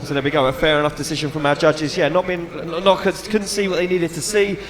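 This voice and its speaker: A man's voice: fairly high pitch, little pitch movement, a little fast. A middle-aged man doing live motorsport commentary and chat, emphatic and enthusiastic, repeating phrases for effect. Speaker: motorsport event commentator and announcer. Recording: crowd noise behind trackside commentary. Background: event crowd.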